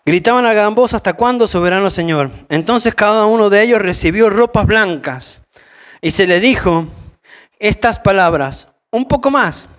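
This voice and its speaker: A man's voice: high voice, fairly bright tone. A man with a Rioplatense Spanish accent preaching a conversational sermon, mixing Bible reading with informal asides.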